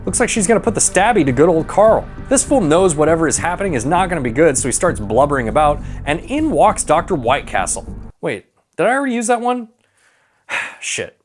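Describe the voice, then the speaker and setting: A man's voice: a little high, big pitch swings, a little fast. A man hosting a movie recap, delivering irreverent, sweary scripted comic narration with a sarcastic manner. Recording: music behind the voice. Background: background music.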